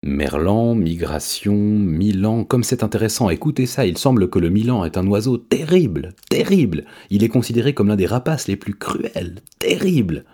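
A man voicing an excitable, bookish male cat who exclaims and trips over long words. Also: lowish voice, normal speed, husky. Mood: excited.

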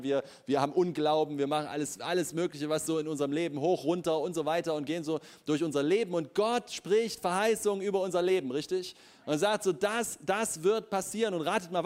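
A man delivers a Sunday-morning sermon in a loose, joking way, laughing often as he retells the story. His voice sits a little high for a man. He talks to the congregation like friends. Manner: casual, humorous, laughs often. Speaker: preacher. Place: church.

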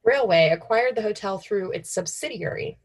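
A woman's voice: mid-range voice, lively intonation, moderate pace, slightly rough. A young woman co-hosting in an informal, offhand way, telling stories partly read from notes. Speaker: podcast co-host.

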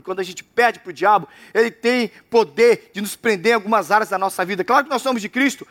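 A man from Brazil preaching a lively sermon, acting out the voices in the story. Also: extremely high pitch. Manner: animated, acts out characters in quotes. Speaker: pastor. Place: church abroad.

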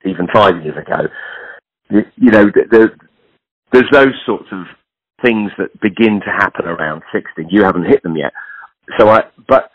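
Low-voiced frank man in his sixties. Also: normal speed, no room sound, muffled recording. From British. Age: 60s. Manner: frank, rambling, self-deprecating. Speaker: podcast guest, clothing entrepreneur. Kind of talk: casual conversation.

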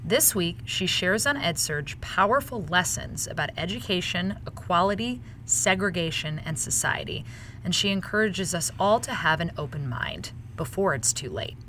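A woman co-hosting a news podcast, moving between scripted reads and casual chat with an expressive delivery. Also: lowish voice, moderate pace, a little hiss or hum. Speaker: podcast co-host.

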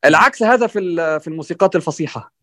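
A man's voice: on the high side, expressive, rapid-fire, a bit bright, dry recording. A man with an Egyptian accent in a panel discussion, talking earnestly with many restarts and fillers and often checking in with "right?". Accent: Egyptian Arabic. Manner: earnest and exhorting. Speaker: guest musician on a panel. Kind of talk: conversational discussion.

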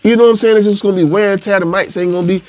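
This is a man, a rap artist from Panama City, Florida, chatting casually as an interview guest. He talks very fast with fairly even intonation, his high-pitched voice carrying a darkish tone, and despite the speed he stays laid-back and reflective, often repeating "you know what I'm saying."

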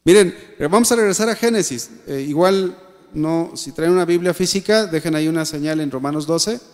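A man with a Mexican accent preaching a sermon, swinging between emphatic lines and soft, quiet asides. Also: on the high side, fairly quick. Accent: Mexican Spanish. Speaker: pastor. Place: church. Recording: echoey church hall.

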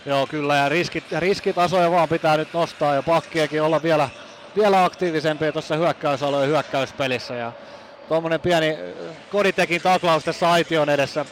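A man's voice: a little high, fairly even intonation, a little hiss or hum, rough recording. A man giving casual, colloquial color commentary on an ice hockey game, speaking loosely with fillers. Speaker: expert co-commentator.

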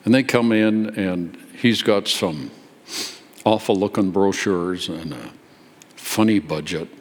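A man's voice: low voice, takes it slowly, big-room sound. An older man preaching as a guest in church, telling a story in a folksy, confessional way with asides, his sinuses stuffed up. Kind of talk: sermon storytelling. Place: church sanctuary.

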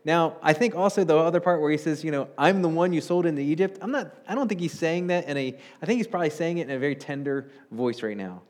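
A man preaching a sermon in a conversational, animated way, rising in pitch and volume when he stresses a point. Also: fast, few pauses. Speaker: pastor.

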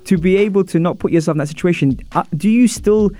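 A man's voice: high voice, fast talker, warm tone. A man hosting a sports talk show, interviewing a guest in a chatty, informal way. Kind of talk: casual radio interview. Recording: music playing behind the voice.

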